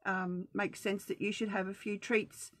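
Her voice is mid-range and fairly bright, with little pitch movement and an unhurried pace, recorded dry. She's a middle-aged Australian hosting a budgeting group's casual Facebook Live talk, speaking in a chatty, practical and reassuring way about saving money.

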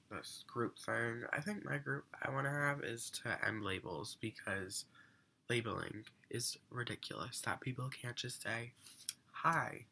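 In his bedroom, a teenage boy rambles earnestly to his desk webcam in a casual rant, full of fillers and restarts. He's still recovering from being sick, so his mid-range voice sounds slightly off, with vocal fry and a sharp, somewhat rough tone.

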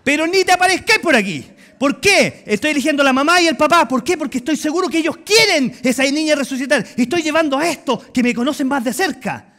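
A middle-aged man with a Chilean accent, preaching a sermon as pastor and acting out voices in lively storytelling. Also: very high-pitched, fast talker, few pauses. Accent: Chilean Spanish. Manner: animated storytelling, acts out voices and dialogue.

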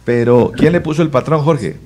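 A man on a sports radio panel asking a guest questions in a quick, insistent way. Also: medium pitch, darkish tone. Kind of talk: radio-studio interview.

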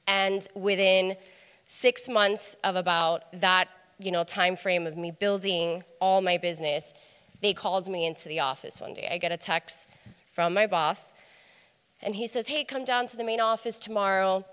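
A woman speaker telling a personal story on a conference stage, lively and acting out the dialogue. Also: lowish voice, measured pace, clean tone. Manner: animated storyteller, acts out dialogue. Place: large hotel conference hall. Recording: echoey conference hall.

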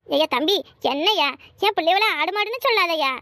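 A woman's voice: very high voice, fairly quick, a bit bright, dry recording, studio quality. A woman voicing an earnest old village woman. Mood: tender. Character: older village woman who treats her cattle as children.

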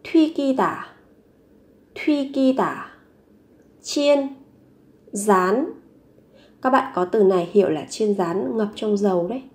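A woman teaching a vocabulary lesson, saying each word three times slowly before explaining it. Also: medium pitch, darkish tone. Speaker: language teacher.

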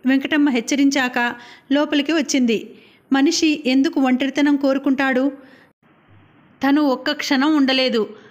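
A woman narrating a novel as an audiobook, in a measured, reflective reading. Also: high-pitched.

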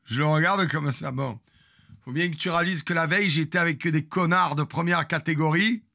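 A man's voice: on the high side, a little fast, vocal fry, sharp tone. A man in his fifties telling a story in a crude, theatrical, jokey way, with asides to his chat. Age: 50s. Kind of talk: casual storytelling.

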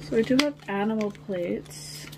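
In an unhurried, gravelly mid-range voice, a woman sits on her home nail studio's floor organizing things and chatting away to viewers as "guys." It's a rambling, casual vlog with a noisy background.

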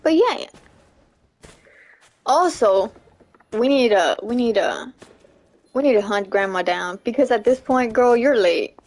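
A young woman livestreams a game, chatting casually with viewers, reading chat, laughing a lot, and repeatedly saying "you know what I'm saying." Her voice sits on the high side and is animated but slow and darkish, with long pauses.

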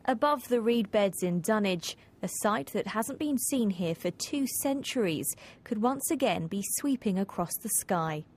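A woman narrating a scripted news report as a reporter with an even, measured delivery. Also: medium pitch.

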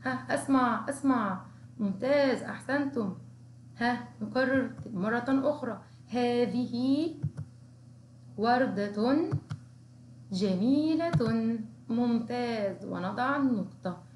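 A woman teaching young children to write, praising often and slowly sounding out syllables and letter marks. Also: fairly high pitch, echoey room, slight background noise. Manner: encouraging, slow, sounds out syllables. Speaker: kindergarten teacher. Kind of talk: recorded Arabic writing lesson for young children.

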